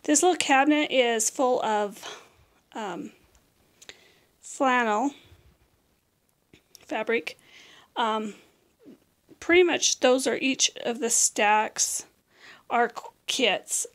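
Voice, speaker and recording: Middle-aged American woman, slightly high pitch, hoarse and raspy with whispery breaks; casual, self-correcting home vlogger. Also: very slow, long pauses, a bit bright. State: hoarse, losing her voice. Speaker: vlog host. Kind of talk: casual chatty craft room tour. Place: small room at home, indoors.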